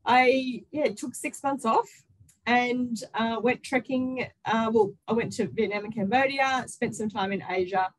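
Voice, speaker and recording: Chatty Australian woman, higher-pitched voice. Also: a little slow, low-quality recording. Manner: excited, chatty, with quoted self-talk. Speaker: interview guest, author and workplace culture consultant. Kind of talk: casual interview chat, personal storytelling.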